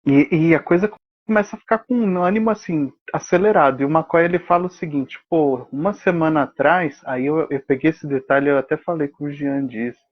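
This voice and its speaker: Man, Brazilian Portuguese accent, podcast co-host, slightly raised pitch, husky tone. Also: brisk, highs cut off. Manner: relaxed, chatty, retells scenes. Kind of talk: casual discussion of a TV episode.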